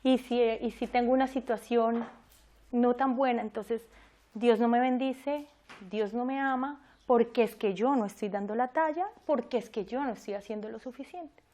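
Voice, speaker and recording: A woman's voice: on the high side, normal speed, warm tone. A woman giving a conversational church teaching talk, often asking her listeners questions. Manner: conversational, asks the audience questions.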